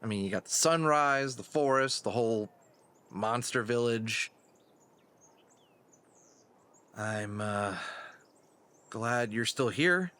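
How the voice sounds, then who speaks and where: A man voicing an earnest, gentle fox detective in a hat in an audio drama. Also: mid-range voice, animated, a little slow, clear, resonant tone. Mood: hesitant. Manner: gentle, reassuring. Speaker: voice actor.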